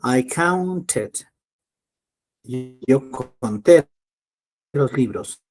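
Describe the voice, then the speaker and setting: Slow, patient male English teacher. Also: medium pitch, animated, darkish tone, soft background music. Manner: patient, repeats words slowly to drill pronunciation. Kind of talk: online English class in Spanish.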